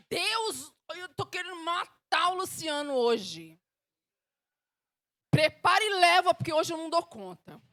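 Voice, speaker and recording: A woman pastor preaching a sermon. She preaches in an animated way, acting out prayers and shifting between loud and hushed passages. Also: high-pitched. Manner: animated, acts out prayers and inner voices, swings from loud to hushed.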